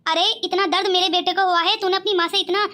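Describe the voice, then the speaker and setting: A woman voicing a sharp-tongued middle-aged mother-in-law in a cartoon, scolding and laughing at her family. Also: very high voice, flat delivery, fast talker. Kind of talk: cartoon voice acting.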